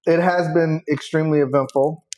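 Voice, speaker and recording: A man with a fairly high voice co-hosts a casual couple's podcast. He talks in a playful, teasing way and laughs often. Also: fairly even intonation, a little fast, darkish tone. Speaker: life coach and podcast co-host.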